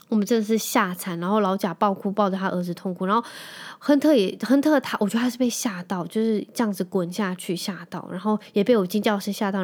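A woman in her thirties with a Taiwanese Mandarin accent, hosting a podcast and telling a family story in a chatty, animated way, often speaking straight to her listeners. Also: medium pitch. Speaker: podcast host. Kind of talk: casual storytelling monologue.

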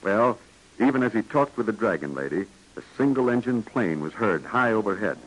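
An American man working as an old radio announcer, narrating a serial and pitching to children with eager, emphatic salesman patter on a vintage broadcast recording. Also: animated, normal speed, husky, poor audio.

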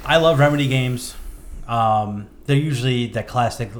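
A man co-hosting a casual gaming podcast, talking in an animated way and repeating words as he complains. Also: medium pitch, normal speed, slight background noise. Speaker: podcast co-host. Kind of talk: casual chat.

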